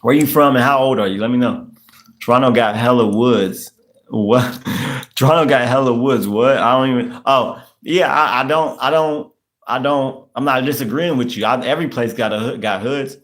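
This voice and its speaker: An American podcast host in his late thirties, with a medium-pitched, slightly bright voice, chats loosely at a moderate pace while reading comments on a casual livestream. He repeats himself and drops street slang.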